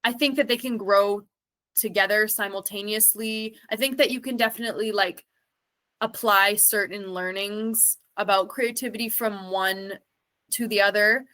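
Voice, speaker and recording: A woman's voice: medium pitch, steady tone, moderate pace, bright, forceful tone. A woman talking as an interview guest, thinking aloud in a rambling way with lots of filler words. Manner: thoughtful, rambling, many "like" fillers. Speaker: interview guest, singer and actor. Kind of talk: casual interview chat.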